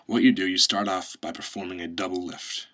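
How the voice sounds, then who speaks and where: A man's voice: deep voice, flat delivery, fairly quick, pushed and bright. A man presenting a step-by-step magic tutorial, instructing and reciting card magician patter as he demonstrates.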